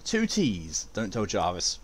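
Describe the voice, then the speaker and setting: A man's voice: on the low side, huge pitch swings, unhurried, breathy edge. A man chatting casually as he streams and comments on a video game.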